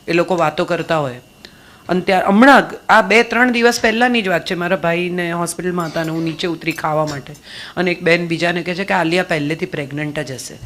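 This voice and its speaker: A middle-aged woman with a Gujarati accent giving a motivational speech to a live audience, telling stories and firing rhetorical questions. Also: on the low side. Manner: rhetorical questions, storytelling, lively. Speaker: motivational speaker.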